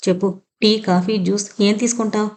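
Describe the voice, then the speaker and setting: A woman voicing a gentle, affectionate young man in a spoken audio novel. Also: mid-range voice, little pitch movement, fairly quick, close to an everyday voice. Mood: cheerful.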